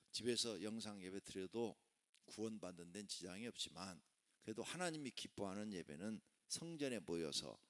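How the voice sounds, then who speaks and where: A male pastor preaching a sermon, emphatic and conversational, often putting rhetorical questions to the congregation. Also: on the low side. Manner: conversational asides mixed with proclamation. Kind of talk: sermon at a Friday worship service.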